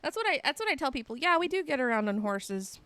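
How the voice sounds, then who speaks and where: A woman's voice: sits high, sing-song, quick pace, pushed and bright, no echo. A young woman with a light Texan accent, chatting casually and rambling with her livestream viewers. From Texas. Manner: rambling, chatty, lots of "like" fillers. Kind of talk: casual chat with stream viewers.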